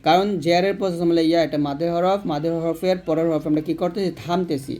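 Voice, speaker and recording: A man teaching Quran recitation letter by letter, chanting verses slowly and then explaining pronunciation plainly. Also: a little high, steady tone, dark tone, slight background noise. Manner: slow drawn-out chanting alternating with plain instruction. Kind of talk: spelling-out recitation lesson.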